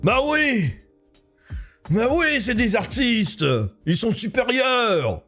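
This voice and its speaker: Man doing a stuck-up snob with a fake posh French accent, high and sing-song, mocking and haughty. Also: big pitch swings, slow pace, a bit bright, faint music behind, exaggerated voice.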